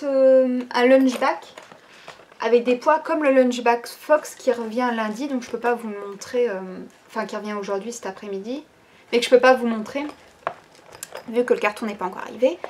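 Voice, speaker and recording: A woman's voice: on the high side, a little hiss or hum. A woman presenting new items from her online shop in a casual, chatty way, with lots of fillers and hesitations. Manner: chatty, many fillers like "ben" and "euh".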